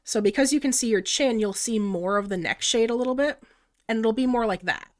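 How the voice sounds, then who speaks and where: Stuffed up from the flu, a young woman walks through her digital art process on a live stream, chatty and giggly and often reading chat aloud. Her voice is a little high and fairly quick.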